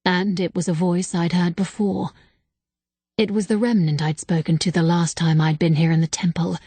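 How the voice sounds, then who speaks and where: A woman reading a first-person audiobook narration in a steady, measured way. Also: lowish voice, husky, no echo.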